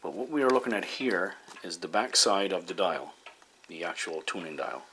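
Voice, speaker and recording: In a noisy home recording with ticking and clicks, a low-voiced man talks at a normal speed. He's the hobbyist host of a radio repair video, offering casual, tentative commentary and muttering while he fixes things by hand.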